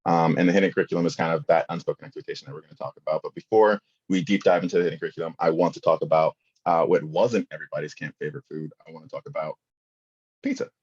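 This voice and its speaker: A man's voice: a bass voice, steady tone, very fast, a little mellow, slightly rough, highs cut off. A young man presenting a conference workshop, talking casually with many fillers and asking the audience questions.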